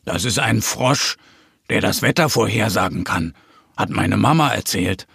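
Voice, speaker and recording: A man voicing an earnest, gentle little boy bear in a children's audio story. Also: lowish voice, lively intonation, a little slow, gravelly, husky, no room sound, studio quality, exaggerated voice.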